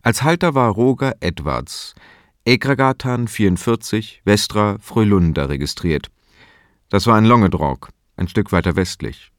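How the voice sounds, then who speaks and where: A man narrating a crime audiobook in a calm, even storytelling manner. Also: lowish voice, measured pace, no echo, clean studio sound. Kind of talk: scripted narration.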